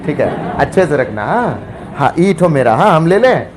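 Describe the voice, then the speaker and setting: A teacher acting out a sly bully who turns sugary and generous the moment he is watched. His tone is lowered and coaxing, and his twang comes through. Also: big pitch swings, normal speed, slight background noise. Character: bully grown man turned sweet and sharing.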